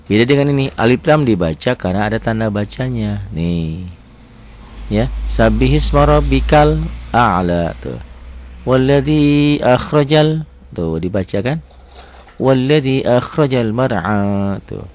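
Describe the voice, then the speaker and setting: A man teaching tajwid in a chatty, self-assured way, breaking into slow melodic Quran recitation. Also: on the low side, a little mellow.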